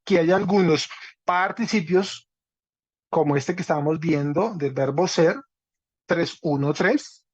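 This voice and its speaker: A man with a somewhat high voice teaches a class online. He is patient and keeps checking that his students follow. The call audio is dry and a little muffled. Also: no room sound. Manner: patient, checks understanding with "¿cierto?". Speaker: Greek teacher. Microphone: video call.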